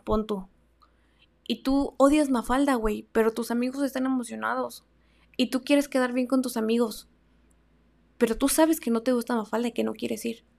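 A woman's voice: a little high, creaky. Chatty Mexican woman podcaster. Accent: Mexican Spanish. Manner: chatty, slangy, swinging between loud emphasis and soft asides. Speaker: podcast host. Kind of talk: casual advice podcast.

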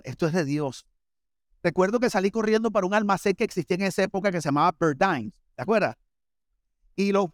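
A man's voice: high voice, clear, resonant tone, no room sound, clean studio sound. A middle-aged man with a Barranquilla coastal Colombian accent, preaching a sermon in a conversational, storytelling way with humorous asides to the congregation. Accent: Colombian Caribbean coast (Barranquilla). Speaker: pastor.

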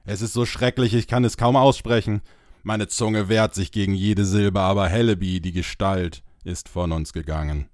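Grave warrior with archaic speech, low voice, dry recording; a man plays him. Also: fairly even intonation, moderate pace, a little mellow, no echo, lightly acted. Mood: solemn. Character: solemn male warrior, old-fashioned speech.

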